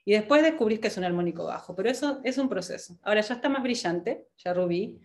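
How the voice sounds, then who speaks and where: Brief: woman, workshop facilitator, lively and questioning, quick to laugh. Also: mid-range voice. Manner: animated, asks many rhetorical questions, laughs often. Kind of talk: live coaching workshop.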